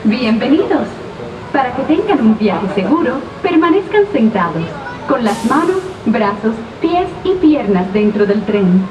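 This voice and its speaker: A woman giving a recorded safety announcement in clear, polite instructions, played over an outdoor tram loudspeaker. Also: fairly high pitch, sing-song, normal speed, recorded from a distance, a crowd in the background. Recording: dull echoey loudspeaker from afar, noisy.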